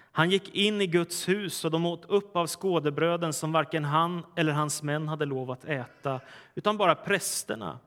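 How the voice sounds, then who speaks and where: A male pastor delivering a sermon, moving from a lively told joke into a measured scripture reading. His voice sits a little high for a man. The sound carries a long reverb, as in a church hall. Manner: storytelling, animated in punchlines.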